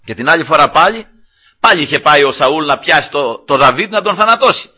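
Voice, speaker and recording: Male preacher, high and sharp-toned, animated sermon storytelling. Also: husky. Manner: keeps addressing listeners as brothers, acts out quotes, animated. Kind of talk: sermon retelling a scripture story.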